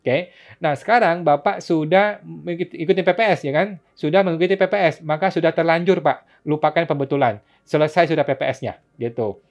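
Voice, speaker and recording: A man's voice: fairly high pitch, a little fast. A man hosting a casual live-stream Q&A, reading viewers' questions and answering them patiently with frequent chuckles. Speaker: tax consultant host answering viewer questions. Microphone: phone or laptop mic for live stream. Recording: dull lo-fi live-stream audio.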